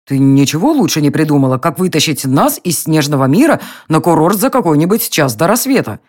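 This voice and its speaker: A woman voicing a quick-tempered elf queen, exclaiming indignantly in a storybook reading. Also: sits low, big pitch swings, a little mellow.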